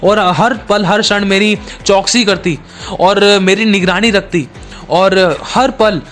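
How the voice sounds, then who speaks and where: A man's voice: high voice, slow pace, fairly bright tone, soft background music, pitched above the performer's own voice. A man voicing a condemned young man who angrily blames his mother, speaking in a raised, insistent way. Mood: bitter accusing.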